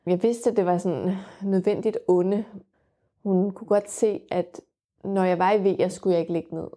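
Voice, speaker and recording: A young woman telling her own birth story frankly and vividly, often pausing on fillers. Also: mid-range voice, fairly even intonation, dark tone. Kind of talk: candid personal storytelling.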